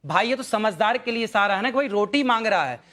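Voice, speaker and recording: A man with a high voice speaks as a preacher on a TV debate panel. He defends his views in a sermon-like way, quoting sayings and scripture. He often calls the others brother. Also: lively intonation, a little fast, sharp tone. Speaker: religious preacher, debate guest. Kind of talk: televised debate.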